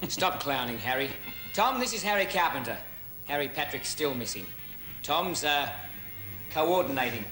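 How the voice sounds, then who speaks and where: An actor playing an anxious male producer who tries to calm his cast. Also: fairly high pitch, normal speed, long pauses, reverberant, soft background music. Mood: worried. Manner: worried, placating.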